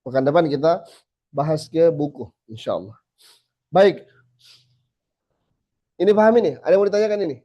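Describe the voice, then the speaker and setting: A man teaching a small group how to recite, saying letter sounds slowly again and again and then correcting them. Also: a little high, sing-song, warm tone. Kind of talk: tajweed lesson to a small group. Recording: slightly dull lo-fi recording.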